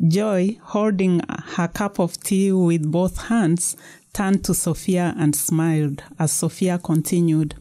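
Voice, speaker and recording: A woman author reading aloud from her own novel in a calm, measured way. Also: on the low side.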